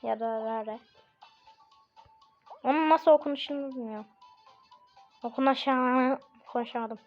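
A woman hosting casual gameplay commentary, chatty and bursting into excited shouts at the game. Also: high-pitched, unhurried. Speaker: gaming channel host. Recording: muffled lo-fi recording with faint game music.

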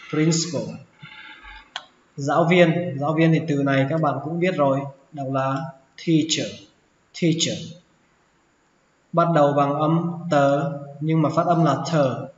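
A man teaching English vocabulary as a slow lesson, patiently repeating each word several times, a native Vietnamese speaker. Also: on the high side, slight background noise. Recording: echoey room with long reverb, dull lo-fi sound.

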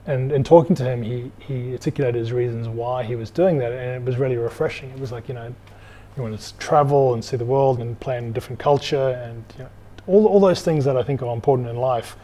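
A man's voice: mid-range voice, fast, dark tone. A man in his thirties from South Africa, speaking reflectively and articulately as an interview guest. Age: 30s. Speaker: interview guest, former professional rugby player. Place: indoors in an empty bar. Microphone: clip-on lapel mic.

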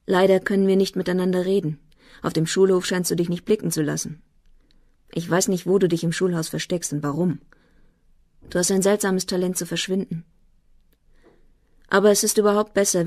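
Brief: heartfelt young letter-writer, read by a woman narrator, lowish, close and dry. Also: darkish tone, no echo. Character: young man writing a love letter, earnest.

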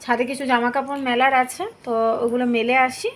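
A woman's voice: sits high, level tone, fast. A young woman chatting casually in a home vlog, talking straight to her viewers. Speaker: vlogger.

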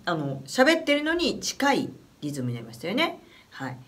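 A woman from Japan giving a casual spoken singing lesson, chatty, demonstrating phrases slowly. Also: mid-range voice, wildly swooping pitch, a bit bright, soft background music. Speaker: vocal coach.

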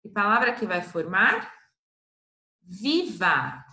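A woman with a Brazilian Portuguese accent teaching a slow, patient literacy lesson to first graders, stretching out syllables. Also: medium pitch, very animated, sharp tone, roomy sound.

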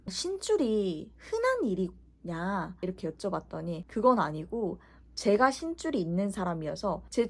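A woman in her twenties from the Gyeongsang region, telling a story casually as a vlogger and acting out the conversations in it. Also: medium pitch. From Gyeongsang region, Korea.

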